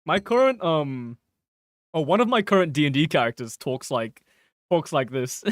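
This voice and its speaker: A man's voice: fairly high pitch, lively intonation, normal speed, dry recording, studio quality. A young man streaming a game, chatting casually and rambling, swearing freely and laughing at himself. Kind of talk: casual gameplay stream chat.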